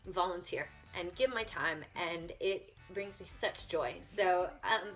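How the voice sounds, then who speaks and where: A woman's voice: lowish voice, unhurried, a bit bright, faint music behind. A woman guest blogger answering interview questions earnestly on a remote call, with many fillers and repeated words, growing tearful as she speaks. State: tearful, crying.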